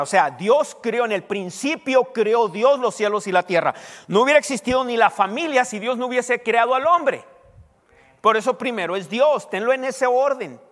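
A male pastor with a high-pitched voice delivers a teaching sermon, throwing questions out to his congregation and waiting for their answers. His voice rings with a long reverb, recorded in a church hall. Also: a bit bright.

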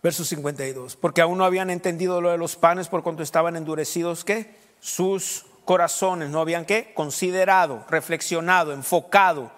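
A man's voice: a little high, fairly even intonation, fairly quick, a bit bright, long reverb tail. A man preaching a sermon in a conversational way, often quizzing his listeners with questions.

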